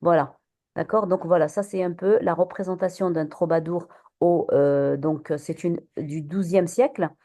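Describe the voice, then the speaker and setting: A woman's voice: fairly low pitch, fairly even intonation, normal speed, mellow. A woman teacher giving a classroom lesson on poetry, patient and questioning, with many fillers and restarts.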